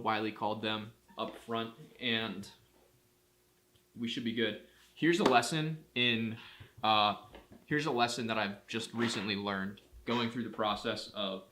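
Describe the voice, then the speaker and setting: A man who runs a marketing agency, talking casually to camera in a vlog and thinking out loud with frequent restarts. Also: fairly low pitch. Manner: rambling, thinking aloud with restarts. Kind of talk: casual day-in-the-life vlog.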